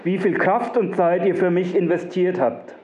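A smug, wrinkled little gnome from a spoken fairy tale, put on by a male storyteller. He talks in coaxing, long-winded, repetitive promises in a rather high voice. The recording is dull and lo-fi with a roomy echo. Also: normal speed, natural voice.

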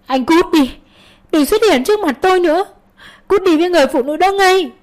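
A woman voicing a hurt, betrayed young wife who speaks quietly and then shouts in anger. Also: medium pitch, fairly quick, close to an everyday voice. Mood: furious shouting.

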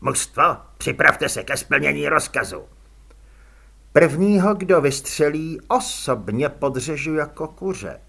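A man reads as an unshakable watch sergeant. He speaks quietly but very clearly and firmly. The voice is bright, a little husky, and lively in pitch. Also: full character voice. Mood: firm calm. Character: calm, steely middle-aged male watch sergeant.

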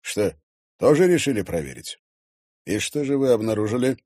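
A man's voice: fairly low pitch, very animated, normal speed, a little mellow, no echo, clean studio sound. A man voicing a stern middle-aged sheriff in an audiobook, speaking in a serious, grumbling, curt way.

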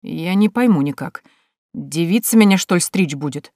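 A woman's voice: lowish voice, expressive, normal speed, mellow, no echo, studio quality. A woman reading an audiobook, voicing a blunt, suspicious bearded male butcher. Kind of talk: audiobook character voice.

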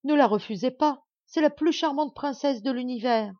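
A woman's voice: mid-range voice, normal speed, dry recording, highs cut off, natural voice. A woman voicing a frightened, grieving queen who pleads and laments in a storybook reading. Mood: pleading.

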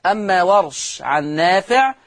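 Male Quran teacher, middle-aged, Egyptian accent, TV lesson, drawn-out demonstrations. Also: high voice, lively intonation, fairly bright tone. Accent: Egyptian Arabic. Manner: stretches out words slowly to show how they are pronounced. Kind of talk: televised religious lesson.

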